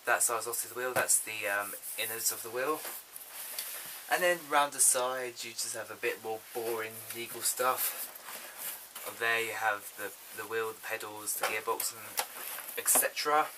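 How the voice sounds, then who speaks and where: A man chatting casually and haltingly as he presents an unboxing, recorded on a built-in camera microphone. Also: mid-range voice, fairly even intonation. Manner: informal, halting, thinking aloud. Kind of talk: casual unscripted vlog chat. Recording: loud hiss, clicks, built-in camera mic.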